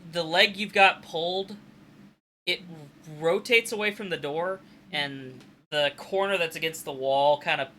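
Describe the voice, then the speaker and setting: A man's voice: fairly high pitch, a little slow, pushed and bright, a little hiss or hum. A man narrating as game master, loosely improvising the scene with frequent fillers.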